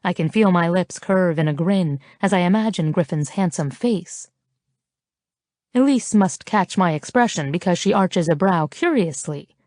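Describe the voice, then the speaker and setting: A woman's voice: on the low side, lively intonation, normal speed, darkish tone, no room sound, studio quality. A woman reading a first-person romance novel aloud in a wry, conversational way. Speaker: audiobook narrator. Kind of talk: first-person audiobook narration.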